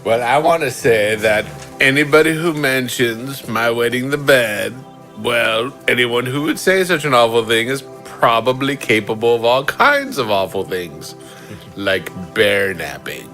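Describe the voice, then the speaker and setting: A man's voice: medium pitch, expressive, unhurried, sharp tone, soft background music. A man playing an easily offended, defensive baby doll in an improvised comedy audio drama.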